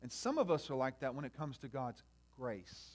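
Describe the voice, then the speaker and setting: A man preaching a sermon, talking directly to his listeners and swinging between quiet conversation and loud, impassioned preaching. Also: medium pitch, big pitch swings, moderate pace. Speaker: pastor.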